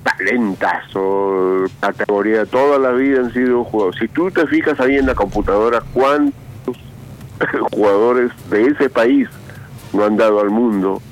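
A man's voice: fairly low pitch, unhurried, low-quality recording. A man born in Puerto Rico calling in to a radio show, chatty and joking with the host. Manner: chatty, jokes and speaks to the host familiarly. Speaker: radio caller. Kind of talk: call-in opinion.

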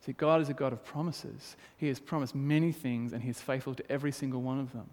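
A man's voice: mid-range voice, fairly even intonation, fast, darkish tone. A man preaching a sermon as pastor, reading scripture aloud and then pressing his points with rising emphasis. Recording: long hall reverb.

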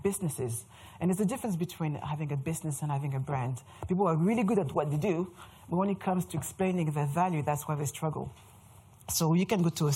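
A French woman in her thirties with a French accent gives a lively presentation to a live audience in an event room. Her voice is a little low, slightly mellow, and husky-edged. She's chatty and self-mocking, joking at her own expense as she presents.

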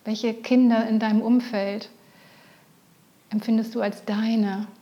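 A woman leading a guided meditation, speaking gently and often slipping into a whisper. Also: fairly high pitch, level tone. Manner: soft, slow, often whispered.

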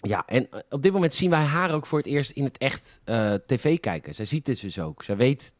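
A man's voice: mid-range voice, big pitch swings, moderate pace, no room sound, clean studio sound. A Dutch man co-hosting a podcast, casually retelling film scenes in detail and acting out the characters' quoted lines. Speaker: podcast co-host.

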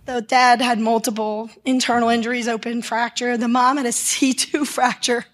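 A woman emergency physician telling a story in a lively way, acting out the lines she shouted. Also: a little high, moderate pace. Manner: vivid, acts out quoted shouts. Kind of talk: animated live storytelling.

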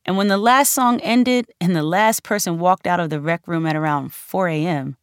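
Here an author narrates her own nonfiction audiobook at a normal speed, her voice fairly low and clean in tone. The mic is close, there's no echo, and she reads the script with conversational, emphatic storytelling flair.

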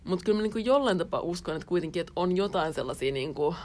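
A woman's voice: lowish voice, expressive, a little mellow. A young woman co-hosting a podcast, thinking aloud in casual chat with frequent fillers. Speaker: podcast co-host.

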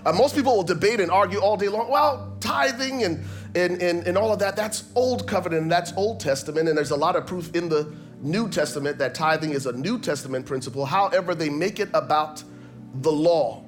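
A man's voice: sits high, a little fast, faint music behind. A man from Liberia, preaching a sermon as pastor, emphatic and rhythmic, often repeating phrases.

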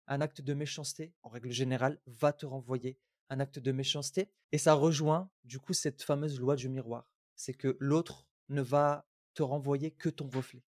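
A man co-hosting a podcast, telling a fable in a calm, unhurried way. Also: medium pitch, no echo, clean studio sound. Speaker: podcast co-host. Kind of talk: storytelling in a podcast.

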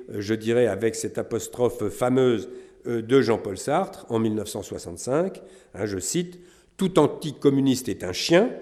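A middle-aged man from France giving a measured academic lecture, pausing often with fillers. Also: medium pitch, dark tone. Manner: measured, many hesitations with euh and hein. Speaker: historian lecturer.

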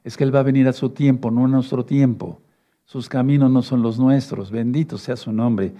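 A male preacher giving a fatherly sermon, reading scripture verses slowly and often checking in with his listeners. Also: medium pitch, fairly even intonation, warm tone. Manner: fatherly, repeats "no, no, no" and asks "¿sí?"; reads verses slowly and rereads them.

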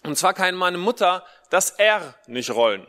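Man, fairly high voice, casual preacher, unrolled R speech impediment, long hall reverb. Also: very animated, unhurried, pushed and bright. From Russian-German family background, Germany. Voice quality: speech impediment, cannot roll the R. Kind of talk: casual livestreamed sermon for Mother's Day.

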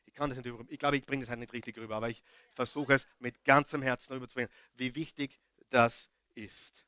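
A man preaching a sermon with earnest emphasis, swinging from loud outbursts to quiet asides and often stumbling over his words. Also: mid-range voice, fairly even intonation, fast talker, smooth, dry recording, studio quality. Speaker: guest preacher.

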